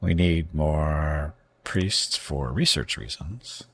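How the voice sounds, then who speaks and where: A man thinking aloud as he plays a strategy game on a live stream, halting and correcting himself as he goes. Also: very deep voice, fairly bright tone, slightly rough. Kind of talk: casual gameplay commentary.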